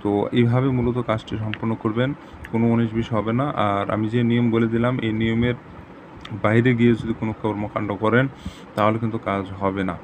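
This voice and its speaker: A man with a low, flat voice talks through step-by-step instructions, repeating each point steadily like a patient teacher. Clear background noise and the hum of passing traffic sit behind him. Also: fairly quick. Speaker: tantric channel host. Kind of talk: instructional talk to camera.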